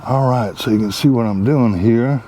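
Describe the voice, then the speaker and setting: A man's voice: medium pitch, moderate pace, dark tone, a little hiss or hum. A man giving a casual, rambling how-to while planting trees outdoors, with many fillers and asides to his viewers, recorded on a camera set down nearby. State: back tightening up, a bit strained. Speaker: tree planting vlogger. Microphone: camera mic, set down nearby.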